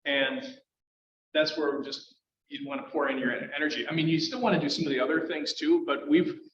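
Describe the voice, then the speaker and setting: A man who leads a real estate team makes emphatic points during a panel discussion, his voice slightly high, fairly bright, and fairly quick. The room is echoey, the sound muffled, with a bit of background noise.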